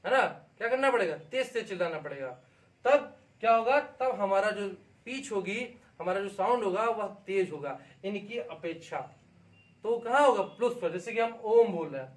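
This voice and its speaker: High-voiced man teaching in an echoey room. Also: moderate pace. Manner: lively explaining, frequent check-ins with students. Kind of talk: exam-prep lesson. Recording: echoey room, distant mic.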